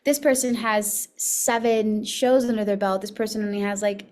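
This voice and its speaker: A woman's voice: medium pitch, steady tone, moderate pace, darkish tone. A young woman from Miami, an actress guest chatting casually in an interview, filling her talk with likes and laughs. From Miami, United States. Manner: chatty, laughs often, many fillers.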